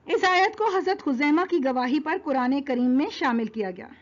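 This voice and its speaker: Woman lecturer, high voice, steady explanatory delivery in numbered points, dull lo-fi recording. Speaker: religious lecturer. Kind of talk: religious history lesson.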